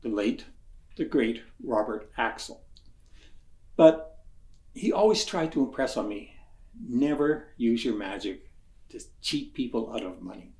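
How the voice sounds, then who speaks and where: A man's voice: mid-range voice, expressive, measured pace, creaky, pauses often, warm tone. An older man, a magician performing from home, tells a story to his audience. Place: room at home. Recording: echoey home room.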